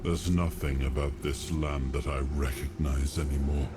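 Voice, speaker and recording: A man's voice: steady tone, very noisy. An actor playing a weary, guilt-ridden fallen warrior king in a video game, with a grave, solemn, regretful delivery. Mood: bitter despair. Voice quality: very low, grave voice. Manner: slow, solemn, regretful monologue. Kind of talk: dramatic video game cutscene monologue.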